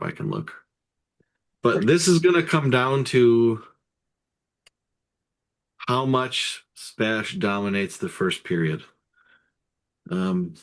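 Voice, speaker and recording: A man runs through sports records and figures. He sounds matter-of-fact, listing details one by one in casual commentary. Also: on the low side. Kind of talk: casual sports talk with statistics.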